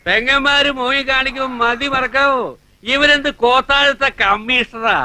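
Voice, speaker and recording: A blustering drunk old uncle. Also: male voice, extremely high pitch, fairly even intonation, normal speed, sharp tone, heavily acted. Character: tipsy older man, blustering father-in-law.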